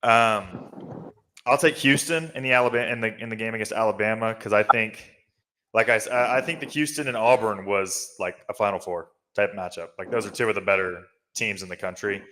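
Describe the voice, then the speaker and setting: A man with a fairly low voice gives casual basketball analysis on a talk show. He is chatty and thinks aloud, restarting his sentences and leaning on fillers. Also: fairly quick, pushed and bright.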